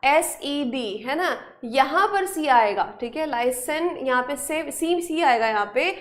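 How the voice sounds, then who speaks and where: Her voice sits high and sounds expressive as this Indian-accented woman runs a live online English spelling class. She keeps things brisk and encouraging, prompting students to respond quickly.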